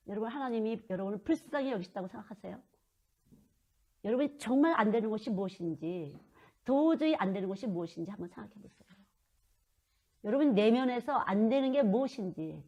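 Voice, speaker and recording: A woman's voice: fairly high pitch, mellow, dull audio. A middle-aged woman preaching a sermon, earnest and acting out pleading prayers to God. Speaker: children's missionary preacher.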